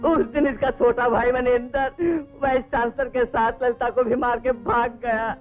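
A man's voice: extremely high pitch, level tone, moderate pace, narrow, tinny audio, soft background music. An actor playing a sly male crony in a dubbed action film. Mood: begging.

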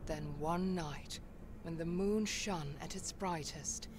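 A woman voicing a solemn storyteller who narrates a dark tale in a game, in a slow, grave manner. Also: fairly low pitch. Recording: game audio with ambient noise.

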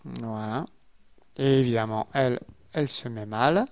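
In a home room with a glass desk, a gaming YouTuber talks a little slowly in a mid-range voice, with no room sound. He gives relaxed let's-play commentary from his computer, chatting with viewers and muttering asides while he builds.

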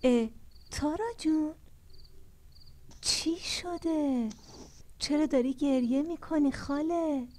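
An actress playing an aunt who soothes a child, speaking softly. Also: female voice, sits high, pauses often, slight background noise, natural voice. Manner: soft, soothing. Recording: loud film score behind.

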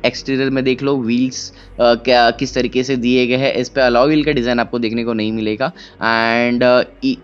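Young guy doing a casual walkaround vlog, smooth voice, slightly dull camera audio, lots of uh pauses. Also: medium pitch. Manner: casual, Hindi mixed with English, many "uh" pauses. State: tired but excited. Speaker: car vlogger. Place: large indoor expo hall, walking through a bus.

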